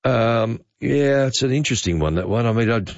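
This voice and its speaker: A talk radio host bantering off the cuff with a caller, using dry teasing and pointed questions. His medium-pitched voice is expressive and moderately paced, with no echo but a lo-fi sound.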